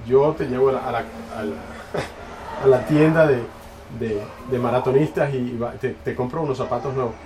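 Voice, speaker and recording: A man's voice: mid-range voice, normal speed, natural voice. A man putting on an Indian accent to voice his enthusiastic, marathon-loving older father. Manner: enthusiastic, pushy. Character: eager older father, marathon-obsessed, talkative. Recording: distant mic, noisy room.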